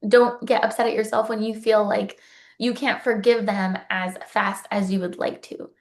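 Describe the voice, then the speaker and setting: A woman's voice: medium pitch, flat delivery, moderate pace. A young adult woman talking earnestly and openly about forgiveness, sometimes getting emotional as she shares her own experience. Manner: earnest, open, gets emotional at times. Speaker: guest speaker on forgiveness. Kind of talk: personal talk.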